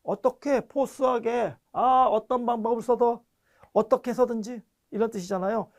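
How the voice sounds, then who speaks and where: With a very high pitch and fairly even intonation, this man teaches grammar online. He goes through each step, keeps asking whether students understand, and pronounces foreign words with slow care.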